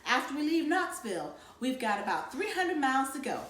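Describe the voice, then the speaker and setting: Woman voicing a steady organized mother, matter-of-fact, lively pitch, roomy echo. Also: a little fast, a little hiss or hum. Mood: planning. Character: organized, calm mother planning a family trip.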